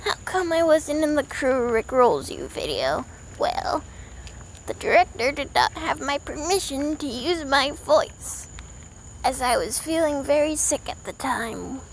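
A fussy, sickly old grandmother, as a woman puts her on in a homemade vlog, her voice croaky and pitched high, swooping up and down as she drawls very slowly. A faint hiss of noise sits behind her. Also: lively intonation, heavily acted, low-quality recording. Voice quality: croaky, coughing. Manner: slow, warbling grandmotherly talk.

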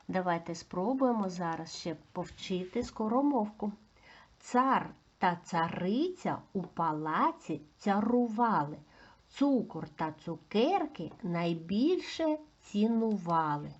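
A woman teaches small children to sound out words, talking slowly and patiently and singing out each vowel. Her voice is mid-pitched and unhurried. The recording is a little dull and lo-fi. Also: a little mellow. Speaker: preschool teacher. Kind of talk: slow, deliberate phonics lesson for small children.

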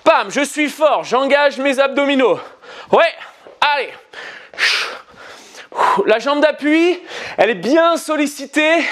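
High-voiced encouraging male fitness coach. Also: lively intonation, slow, pauses often, a bit bright. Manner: encouraging, counts reps and urges on. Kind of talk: guided home workout instruction.

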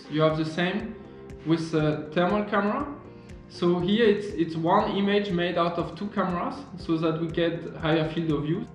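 A man in his thirties, an engineer explaining his product to camera in a halting, earnest way with many restarts. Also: fairly high pitch. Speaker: engineer and founder of a marine detection product. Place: office room, indoors. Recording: very echoey office with faint music.

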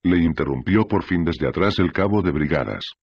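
Deep-voiced man narrating an audiobook. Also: expressive, normal speed, no echo, muffled recording.

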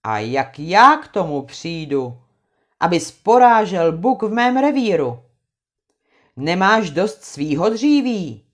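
A woman's voice: on the low side, very animated, pauses often. Woman doing a stern mountain spirit. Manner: stern, commanding.

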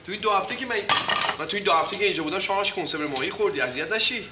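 A man's voice: high voice, lively intonation, heavy background noise. An actor playing an easygoing young male tenant and nephew who dodges and soothes with evasive talk. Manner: evasive, soothing, talks his way out. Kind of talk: Persian TV comedy series acting.

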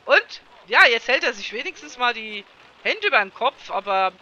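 A woman's voice: a little high, very animated, normal speed, pushed and bright, muffled recording. A woman giving casual gameplay commentary as a let's player, chatting to her viewers and laughing often.

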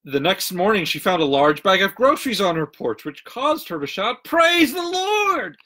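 Bright-voiced pastor reading jokes. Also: male voice, high voice, sing-song, normal speed. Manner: chatty, greets online viewers by name. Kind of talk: livestreamed sermon and joke reading.

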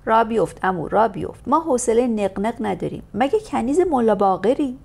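A woman voicing a bossy, sharp-tongued older lady who scolds loudly, in a storybook reading. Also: fairly high pitch, animated, vocal fry, voice pushed up. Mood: scolding.

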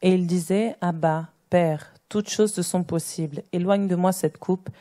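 Woman reading scripture in a mellow voice. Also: fairly low pitch, a little slow. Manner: steady, even reading. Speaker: scripture reader.

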